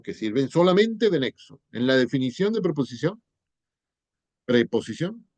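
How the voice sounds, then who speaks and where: A man's voice: mid-range voice, a little mellow, no room sound. A middle-aged man giving a university lecture on spelling, explaining step by step and checking in with rhetorical questions. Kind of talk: class lecture on spelling rules.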